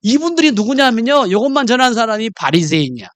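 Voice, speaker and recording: A man preaching a sermon with a lively, swinging pitch. He keeps firing questions at the congregation. His voice sounds close and dry, with no room echo. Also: fast talker. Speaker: pastor.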